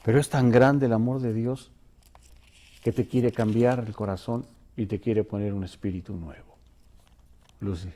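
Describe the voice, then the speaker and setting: A man's voice: fairly low pitch, steady tone, moderate pace, pauses often, dark tone. A male pastor talking earnestly and emotionally about God's love on a devotional talk show.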